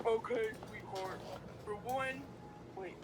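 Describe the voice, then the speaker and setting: A friend reading out a cold, bossy young man from a story, giving slow, calm commands. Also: medium pitch, a little hiss or hum, natural voice. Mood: menacing.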